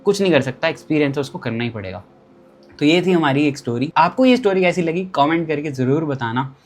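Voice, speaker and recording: A young man telling a travel story casually and lively, acting out the people he met. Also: on the high side, brisk.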